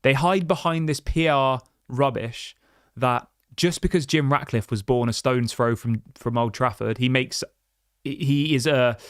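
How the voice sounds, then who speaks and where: Hosting a football fan livestream, a man reads out viewer chats and rants with passion, frequently restarting and asking rhetorical questions. He has a mid-range voice captured in a dry, studio-quality recording.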